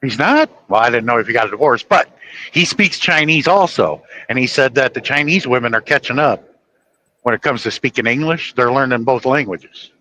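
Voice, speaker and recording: A man's voice: medium pitch, animated, normal speed, pushed and bright, slight background noise, low-quality recording. A man hosting a podcast, telling stories and insisting on his point in a rambling casual chat. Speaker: podcast host.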